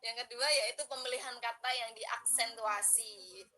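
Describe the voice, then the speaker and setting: A woman's voice: fairly high pitch, fairly even intonation, moderate pace, bright, forceful tone, rough recording. A young woman giving a casual public speaking workshop, chatty with many fillers as she coaches breathing drills. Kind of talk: casual online workshop talk.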